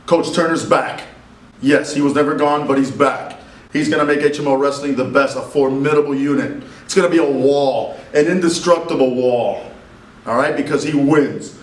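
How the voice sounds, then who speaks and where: A man's voice: medium pitch, steady tone, normal speed, lightly acted. A middle-aged man playing a boastful, repetitive hype man in a comic wrestling promo that parodies a bragging politician. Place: small classroom at a lectern. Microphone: camera a few meters away. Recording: echoey classroom, distant camera mic.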